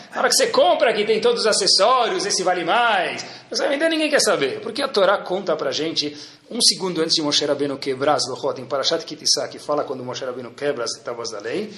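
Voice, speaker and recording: A man's voice: fairly high pitch, fairly bright tone, reverberant. A man with a Brazilian accent giving a Torah lesson, asking rhetorical questions and acting out little dialogues. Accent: Brazilian Portuguese. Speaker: rabbi teaching Torah.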